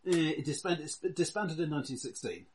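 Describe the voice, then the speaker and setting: A man explaining things casually as a game master, in a halting, deliberate way. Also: a little high, lively intonation, crowd noise. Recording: clearly noisy background with clicks.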